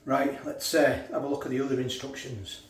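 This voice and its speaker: Chatty bloke reviewing a meal kit. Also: male voice, mid-range voice, flat delivery, brisk, roomy sound. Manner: chatty, self-mocking, rambling asides. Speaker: food reviewer. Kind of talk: casual product review. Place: home kitchen.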